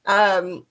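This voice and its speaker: A woman co-hosting a podcast, chatting in a playful, expressive way. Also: medium pitch. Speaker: podcast co-host. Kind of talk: casual chat.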